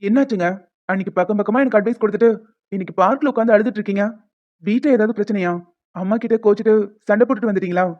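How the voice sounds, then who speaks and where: A woman voicing a gentle, teasing young man in a cartoon, coaxing and joking as he talks. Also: mid-range voice, very fast, lo-fi sound, close to an everyday voice. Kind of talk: cartoon voice acting.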